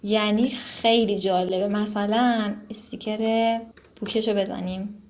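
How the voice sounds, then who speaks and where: A woman giving a casual screen-recorded software tutorial, relaxed and chatty, with frequent fillers and self-corrections. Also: medium pitch, slight background noise.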